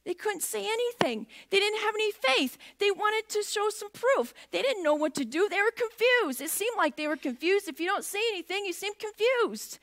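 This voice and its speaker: A woman's voice: very high voice, expressive, moderate pace, few pauses, a bit bright. A middle-aged woman preaching a sermon in a church, talking conversationally and putting questions to the congregation. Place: church sanctuary.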